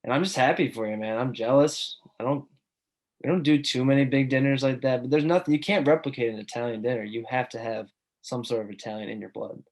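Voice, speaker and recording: A man's voice: medium pitch, quick pace, darkish tone. A young man co-hosting a podcast in casual chat, earnest and enthusiastic about the things he loves. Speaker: podcast co-host.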